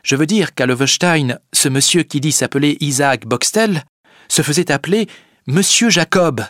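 A man voicing an earnest young peasant girl in a storybook reading, speaking in a high, strained voice. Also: lively intonation, moderate pace, a bit bright, no room sound, studio quality.

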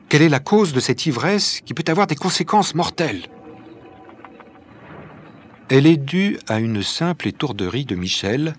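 A man narrating an adventure storybook in a measured, clear reading voice. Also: a little high, slight background noise.

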